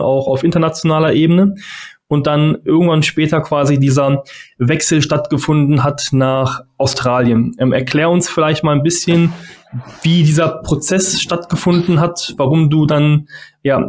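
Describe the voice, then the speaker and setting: A man co-hosts a podcast over a video call, speaking into a mic at home. His voice sits a little high for a man, and he talks loosely, with many fillers and self-corrections. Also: a little mellow. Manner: rambling, many fillers and restarts. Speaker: podcast co-host. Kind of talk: casual interview hosting.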